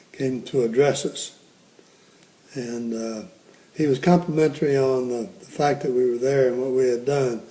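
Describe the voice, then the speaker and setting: An elderly American man, a war veteran, recalling his service in a halting, reflective interview manner. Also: medium pitch, dark tone, rough recording. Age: 80s or older. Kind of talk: reminiscing interview talk.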